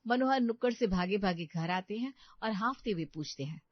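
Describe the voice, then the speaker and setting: A woman narrating a comic cartoon story in a brisk, scripted storytelling manner. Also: mid-range voice, lively intonation, dry recording. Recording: dull dry recording.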